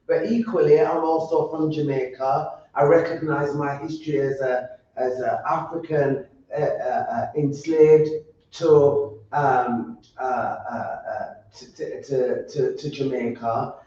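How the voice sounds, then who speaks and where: A woman from Yorkshire, England, with a broad local accent and a very deep, warm voice, speaks a little slowly and earnestly during a roundtable panel discussion. She often stops and restarts her words. The recording sounds echoey, distant and dull.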